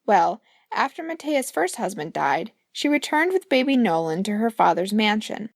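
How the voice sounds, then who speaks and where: A woman's voice: medium pitch, very animated, normal speed, gravelly, no room sound, clean studio sound. A woman, the author, reading her own fairy-tale audiobook, playful and speaking asides to the listener. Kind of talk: audiobook narration.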